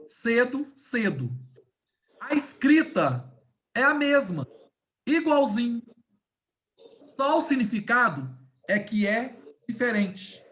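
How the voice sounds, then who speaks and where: A woman teacher giving a class over a video call. She explains step by step, slows down to stress key words, and keeps checking that her students are following. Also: fairly high pitch, a bit bright. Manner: didactic, checks in often with "tá?" and "né?". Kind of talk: online class lecture.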